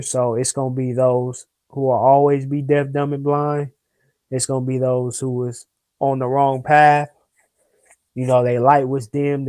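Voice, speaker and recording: A man's voice: medium pitch, darkish tone, no room sound, rough recording. A young man in a casual talk, earnest and preachy, rambling a little and using plenty of slang. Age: young adult. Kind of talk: casual discussion.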